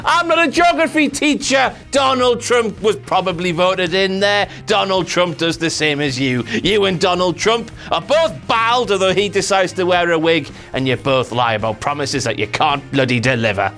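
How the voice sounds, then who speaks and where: A man's voice: high voice, lively intonation, normal speed, hardly any pauses, fairly bright tone, faint music behind. A British man hosting a comic wrestling review, giving slangy, sweary, mocking commentary.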